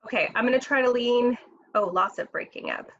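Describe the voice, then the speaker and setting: A woman's voice: a little high, fairly quick, a bit bright. Woman on a glitching, breaking-up video call. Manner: conversational, with frequent hesitations. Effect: glitchy audio breaking up on a bad connection. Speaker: nurse recruiter presenting a webinar. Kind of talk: live webinar presentation. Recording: dull, dry video call audio with dropouts.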